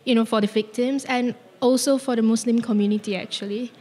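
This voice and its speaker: A woman's voice: fairly high pitch, steady tone, a little fast, warm tone, big-room sound. A young woman from Malaysia, a student, answering street questions earnestly and with some hesitation. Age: young adult. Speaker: student interviewee. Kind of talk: casual vox-pop answers.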